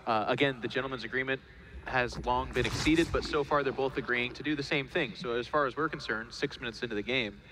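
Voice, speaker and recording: A male esports commentator giving live analysis in a relaxed, talkative way. He breaks down the players' decisions and slips in jokes. His voice sits at an average pitch. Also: fast talker, noisy background. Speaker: esports caster.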